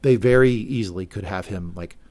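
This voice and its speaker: Low-voiced man recapping a show. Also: a little fast, darkish tone. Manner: rambling, self-correcting, speculative. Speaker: podcast co-host. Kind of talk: casual podcast recap.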